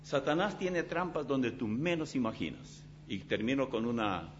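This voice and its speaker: A pastor delivers a sermon in a church, his pitch leaping and dropping as he dramatizes his illustrations. He speaks at a medium pitch, and the recording sounds a little dull, with a faint hum underneath. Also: moderate pace. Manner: animated, dramatic preaching with vivid illustrations.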